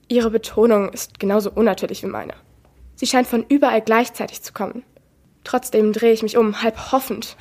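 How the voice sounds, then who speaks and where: A teenage girl reading a first-person novel excerpt aloud, measured with slow pauses. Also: a little high, a little mellow. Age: teens. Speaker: student reader.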